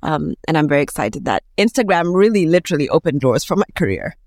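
A woman's voice: low voice, very animated, fast, darkish tone, no echo, studio quality. A woman with a Kenyan accent speaking reflectively and expressively as an interview guest.

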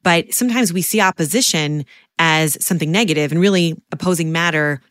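A woman hosting a podcast, asking questions in a slow, reflective, measured way. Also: deep voice, a bit bright, dry recording, studio quality. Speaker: podcast host. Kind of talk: podcast interview.

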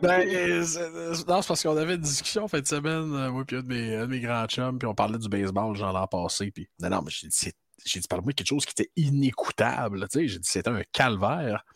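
A man with a Québécois accent, a podcast co-host telling anecdotes in a playful, animated way. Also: mid-range voice, fast talker, few pauses, dry recording, clean studio sound. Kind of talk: casual storytelling chat.

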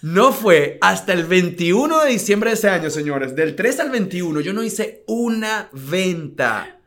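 A man's voice: sits high, sing-song, a little slow, a bit bright. A man telling his business story in a casual interview, acting out quotes and laughing often. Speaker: guest entrepreneur.

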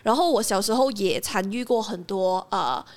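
A woman's voice: mid-range voice, moderate pace. A woman with a Malaysian accent chatting casually as an interviewer, switching between Mandarin and English mid-sentence. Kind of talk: casual chat.

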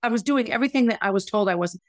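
A woman's voice: on the high side, very fast, dry recording. Middle-aged woman, candid and emotional, solo storytelling host, dry close sound. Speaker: podcast host, former teacher. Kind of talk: personal storytelling monologue.

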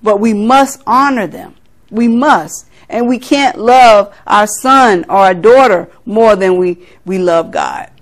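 A woman's voice: medium pitch, slow pace. A middle-aged woman from South Carolina preaching a sermon, earnest, laughing at herself and acting out family conversations.

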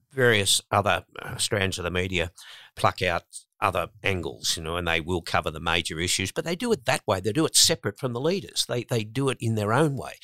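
Deep-voiced man, emphatic commentary. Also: fairly bright tone, dry recording, studio quality. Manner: emphatic, rising to indignant stresses, some repeated words. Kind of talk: conversational political commentary.

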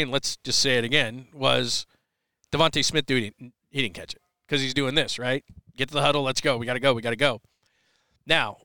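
A middle-aged man hosts a live sports chat, talking loosely and circling back on himself as he answers a listener. His voice is crisp and smooth, with a forward, bright tone. The sound is close and dry, with no room around it. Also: medium pitch, no room sound. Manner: rambling, conversational, many restarts. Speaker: sports radio host. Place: press area at a big sports event.

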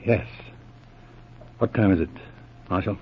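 An actor playing a cool, shrewd police inspector with clipped commands in a 1940s radio adventure serial. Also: male voice, deep voice, unhurried, a little hiss or hum. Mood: cautious, businesslike. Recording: muffled old radio recording.

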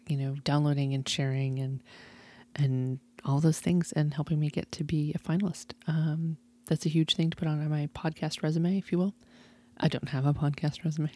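This woman hosts a podcast with a notably low voice, chatty and bubbly as she talks. She laughs easily and keeps things relaxed and casual. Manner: chatty and enthusiastic, laughs often. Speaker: podcast host.

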